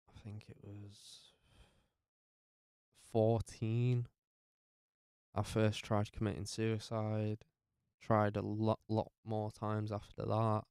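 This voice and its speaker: A tired young man, telling his life story to camera in a halting way, full of fillers and restarts. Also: lowish voice, darkish tone, smooth, no echo, studio quality. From North West England. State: tired, up very early. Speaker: vlogger.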